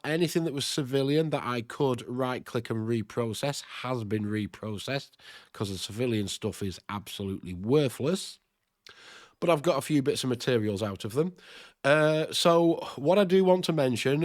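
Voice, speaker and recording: Congested with a cold, a man with a stuffed-up, nasal voice hosts a chatty, screen-recorded game tutorial, thinking aloud as he goes. His voice is mid-range, captured in studio quality with no echo.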